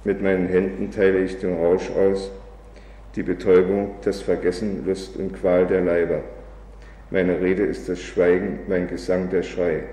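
A man's voice: low-pitched, dark tone. A man reading aloud as a grim female angel of despair, in a solemn, incantatory recitation. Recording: echoey hall, faint background noise.

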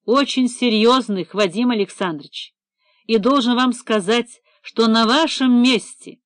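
A woman voicing a calm, stern young male police detective who speaks in a measured, firm way. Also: fairly high pitch, no echo, studio quality, lightly acted. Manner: measured, firm, quietly patient.

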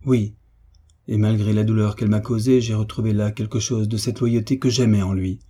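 A man's voice: on the low side, steady tone, brisk, mellow, slightly rough. A man voicing a proud, grieving young orphan woman in an audiobook, pleading through tears. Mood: indignant. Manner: sorrowful, tearful pleading. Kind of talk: audiobook reading.

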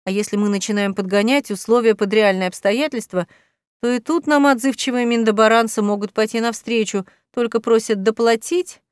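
A woman voicing a tired, earnest male alien starship captain in an audiobook, explaining things in a measured, slightly weary way. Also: on the high side, smooth, no echo, clean studio sound, natural voice. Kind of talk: audiobook character reading.

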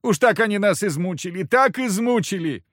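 A man's voice: sits high, lively intonation, moderate pace, a bit bright, no echo, clean studio sound, pitched above the performer's own voice. A man doing a whining timid peasant. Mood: pleading. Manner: whining, pleading.

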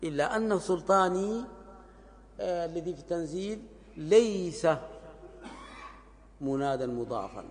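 A sheikh teaching classical Arabic grammar in a lesson. He repeats words and examples slowly for his students. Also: a little high, expressive. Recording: long hall reverb.

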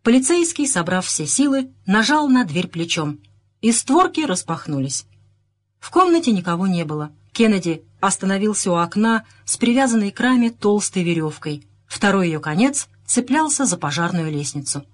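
A woman narrates an audiobook with an expressive, lively voice. Her pitch rises and falls freely as she reads, staying at an ordinary middle height. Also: normal speed. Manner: expressive reading, raising her voice for characters' lines. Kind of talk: scripted narration.

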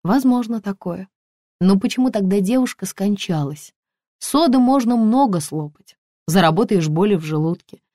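Brief: female audiobook narrator, measured first-person reading, dead-dry studio. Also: medium pitch, lively intonation, mellow, dry recording.

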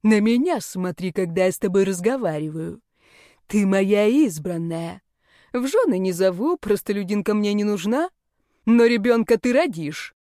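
A woman voicing an arrogant, domineering aging male rector of a magic academy in an audiobook, speaking slowly and haughtily. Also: medium pitch, lively intonation, mellow, no room sound, studio quality, close to an everyday voice. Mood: haughty, menacing. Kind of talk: audiobook character voice.

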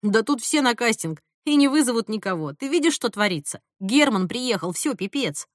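A woman voicing a harried young female assistant who chatters fast. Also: fairly high pitch, expressive, no room sound, clean studio sound, lightly acted. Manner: rapid, chattering.

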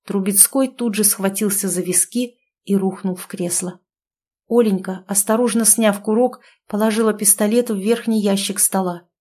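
A woman narrating a novel in an even, expressive audiobook reading. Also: medium pitch.

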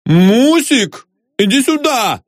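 Greedy fussy engineer, high and whining, put on by a male reader, bouncy pitch. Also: lively intonation, measured pace, a little mellow, dry recording, studio quality. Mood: alarmed. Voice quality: high whiny calling voice. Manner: wheedling, singsong pleading. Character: excitable plump middle-aged male engineer, greedy.

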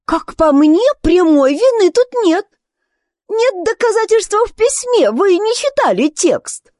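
A woman's voice: expressive, unhurried, a little mellow, dry recording, studio quality. A woman voicing Alice, a bold young girl who protests and argues in a storybook poem. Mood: indignant. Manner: high, protesting, argumentative.

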